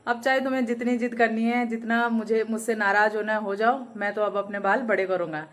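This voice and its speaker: A woman's voice: on the high side, fairly even intonation, brisk. A young woman, chatting casually to her vlog audience, laughing often as she tells stories. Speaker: vlogger.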